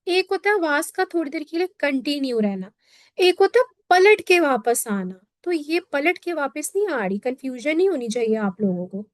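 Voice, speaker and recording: A very animated Pakistani woman teaches Quran recitation to a class at a moderate pace, her voice sitting high. She patiently repeats points and checks understanding with "theek hai," and the recording has no room echo.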